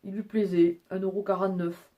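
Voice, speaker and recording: A woman's voice: medium pitch, little pitch movement, fairly quick, dull audio. A woman chatting casually at home as she shows her purchases one by one to viewers. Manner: chatty, talks her viewers through each item. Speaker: haul vlogger. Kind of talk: casual chat, showing purchases to camera.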